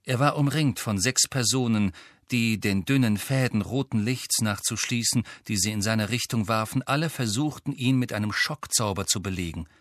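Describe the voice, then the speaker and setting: A man reading a novel aloud with steady, even storytelling. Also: fairly low pitch, normal speed, no echo, studio quality. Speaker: audiobook narrator. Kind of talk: scripted narration.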